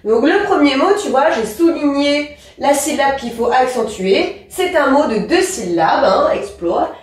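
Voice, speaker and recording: A woman's voice: high-pitched, animated, a little slow, recorded from a distance. A woman teaching an English lesson, explaining rules to a pupil and stressing the example words, speaking directly to the listener. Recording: echoey room, a bit off-mic.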